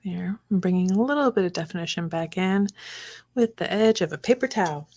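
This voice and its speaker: Animated and fairly quick, a woman with a lowish, slightly mellow voice hosts a live craft stream over a little hiss or hum. She chats as she works, whispers to her artwork, and clears her throat as her voice gives out.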